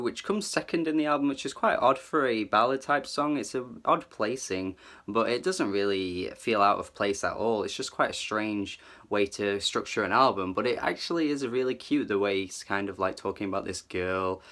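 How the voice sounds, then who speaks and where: A man's voice: mid-range voice, fairly bright tone. A man giving a casual, enthusiastic album review, full of "like" and "kind of" as he talks it through. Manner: chatty, filler-heavy, hedging with "like" and "kind of". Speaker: music reviewer.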